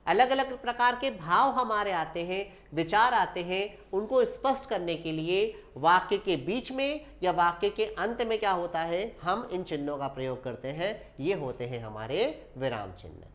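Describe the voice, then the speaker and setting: A man's voice: sits high, lively intonation, unhurried, few pauses, fairly bright tone. A male teacher giving an exam-prep grammar lecture, explaining step by step and often asking rhetorical questions before he answers them. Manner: asks rhetorical questions and checks in with "okay".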